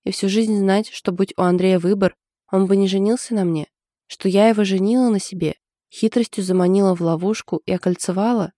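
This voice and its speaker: An anxious young woman in love, confiding her trouble in a hesitant way, as a woman reads her part. The voice is mellow and dark. It sounds dry and close. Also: medium pitch, fairly even intonation, a little fast, no room sound, natural voice. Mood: bitter.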